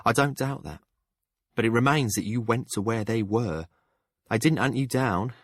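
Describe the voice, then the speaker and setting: A man's voice: medium pitch, moderate pace, no echo, clean studio sound, voice pushed up, close to an everyday voice. A man voicing a blunt, shrewd middle-aged townswoman who reads palms, speaking frankly in an audiobook. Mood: firm. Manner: frank and sharp-tongued. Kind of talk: audiobook character voice.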